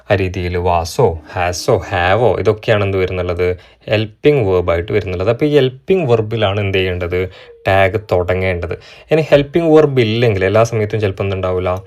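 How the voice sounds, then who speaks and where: Preparing students for an exam, a man teaches grammar by putting questions to the class and answering them on his own. Example sentences get spelled out very slowly in his fairly low, somewhat mellow voice.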